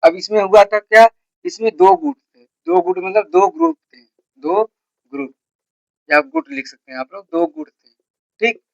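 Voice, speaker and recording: A man teaching a school history class. He asks his students questions and answers them himself, and he repeats the key terms slowly. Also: high-pitched, sing-song, gravelly, darkish tone, no room sound, highs cut off. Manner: repeats key terms slowly, with a filler word after each point. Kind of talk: classroom lecture.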